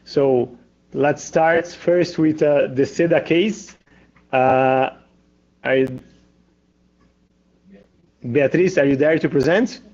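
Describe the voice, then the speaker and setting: A man leads an online meeting over a video call, his pitch a little raised. He talks slowly and haltingly, with frequent pauses. The audio is muffled and lo-fi. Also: darkish tone. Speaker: meeting moderator. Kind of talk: hesitant business presentation.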